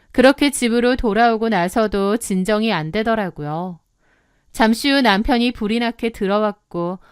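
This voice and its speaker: A woman's voice: mid-range voice, clear, resonant tone, dry recording, clean studio sound. A woman reading a first-person confessional story aloud in a dramatic, scripted way, throwing herself into the quoted outbursts. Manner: dramatic confessional telling, bursting into loud acted shouts. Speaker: story narrator.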